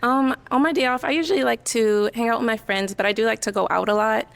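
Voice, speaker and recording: A woman's voice: on the high side, quick pace, vocal fry. A woman in her twenties from Maryland, a dating show contestant answering casually. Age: 20s.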